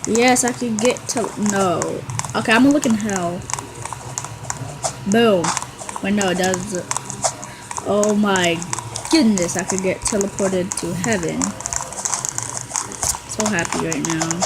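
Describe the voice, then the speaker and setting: A woman giving chatty, excitable gameplay commentary, trash-talking other players as she goes. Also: mid-range voice, takes it slowly, long pauses, noisy background. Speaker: gamer.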